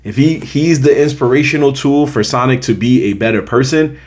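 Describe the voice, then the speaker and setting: This is an American man reviewing a film on his show, casual and opinionated, speaking to the camera. He stresses and repeats his points, with a darkish, mid-range voice at a moderate pace.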